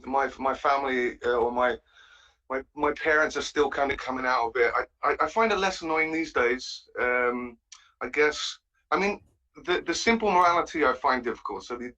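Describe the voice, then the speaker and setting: A man from the Netherlands calling in, speaking haltingly, with many pauses and restarts. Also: medium pitch, bright, forceful tone. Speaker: caller. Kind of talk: casual call-in chat. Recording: dull lo-fi call audio.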